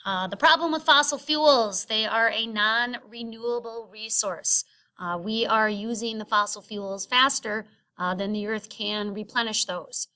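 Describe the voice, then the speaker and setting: A woman teacher narrating a screen-recorded lecture, explaining step by step in a halting way with frequent filled pauses. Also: fairly high pitch, bright, forceful tone, low-quality recording. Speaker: science teacher. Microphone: screen recording voice-over.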